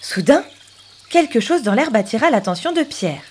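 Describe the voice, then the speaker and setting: Lively woman telling a children's story. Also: on the high side, normal speed, a little hiss or hum. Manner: animated, storybook intonation. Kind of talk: expressive children's story narration.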